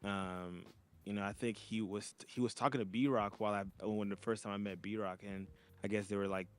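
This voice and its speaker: A man with a fairly low, fairly even voice talks briskly and smoothly. He's a DJ and podcast co-host from Montreal, Canada, chatting casually on a video call from home while a child plays nearby. His manner is laid-back and rambling, loose and full of fillers.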